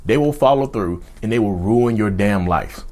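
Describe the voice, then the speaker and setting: Speaking at a normal speed in a fairly low, expressive, slightly mellow voice, this thirty-something mental health host addresses the camera directly. He offers advice from an indoor studio with a backdrop, repeating points emphatically and calling his audience "y'all."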